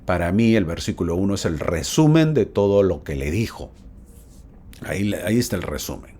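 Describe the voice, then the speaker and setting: A man's voice: sits low, expressive, normal speed, warm tone. A middle-aged man teaching a religious lesson, often asking the listener rhetorical questions. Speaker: scripture teacher.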